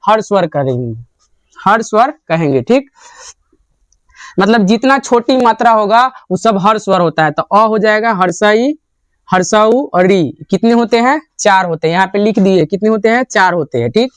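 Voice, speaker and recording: A man's voice: high-pitched, animated, moderate pace, a bit bright, no room sound, clean studio sound. Male teacher drilling answers. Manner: asks a question, then answers and repeats it. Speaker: Hindi grammar teacher. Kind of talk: classroom lecture.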